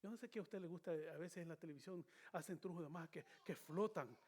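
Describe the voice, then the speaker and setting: A man with a notably high voice teaches a Bible study the way a preacher delivers a sermon. He hammers key words loudly, then sinks into hushed asides, and slips English phrases into his speech. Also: quick pace, slight background noise. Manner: emphatic, swings between loud stresses and quiet asides; drops short English phrases into his Spanish.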